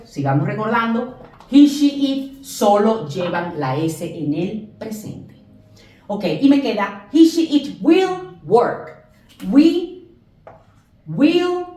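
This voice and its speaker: A woman English teacher explaining grammar in a classroom lesson, repeating examples slowly and lifting her voice on the English words. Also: medium pitch, warm tone. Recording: echoey room, distant mic.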